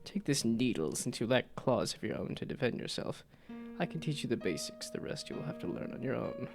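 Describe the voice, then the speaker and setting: A man voicing an imperious, scornful cat ruler in a video game, speaking in a slow, regal way with a low gravelly growl. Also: very animated, music in the background. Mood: regal, commanding. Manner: slow, regal, formal menace.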